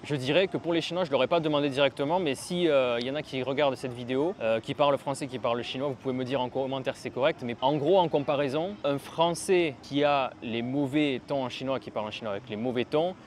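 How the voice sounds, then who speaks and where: A man's voice: mid-range voice, fast talker, few pauses. Casual French-speaking man on a noisy street. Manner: blunt and colloquial, with casual swearing. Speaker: Mandarin teacher and vlogger. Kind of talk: casual vlog talk to camera. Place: outdoors on a city street. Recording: street traffic noise behind.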